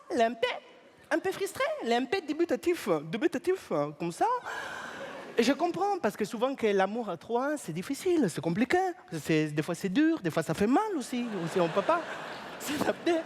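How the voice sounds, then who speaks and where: A comedian playing a rambling male storyteller who mangles his French, talking with lively, swooping pitch on stage. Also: fairly quick, heavily acted. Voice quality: garbles grammar and words. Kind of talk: improvised stage comedy sketch.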